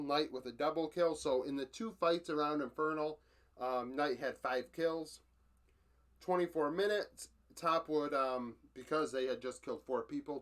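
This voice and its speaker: A man's voice: fairly high pitch, a bit bright. Man recapping esports matches, lots of ums. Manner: matter-of-fact, many "um"s and self-corrections. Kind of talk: casual game recap from notes.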